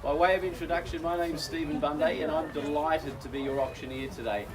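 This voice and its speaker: At an outdoor house auction, an Australian man works the crowd as auctioneer, calling everyone "folks" in a genial, folksy way despite a voice weakened by a recent chest infection. His pitch sits on the high side and his brisk delivery has fairly even intonation. The mic is distant and there's background noise.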